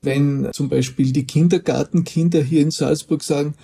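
A man who researches language, deliberately explaining speech habits in an interview and giving spoken examples. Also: on the high side, fairly even intonation, gravelly, warm tone, husky. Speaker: linguistics researcher. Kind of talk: interview answers.

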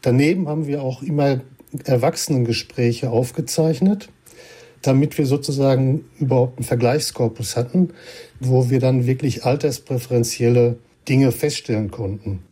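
A man who researches language, explaining his findings in an interview and now and then pausing on a filler. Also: medium pitch, warm tone, husky. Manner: explanatory, with some hesitant fillers. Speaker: linguistics researcher. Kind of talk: interview answers.

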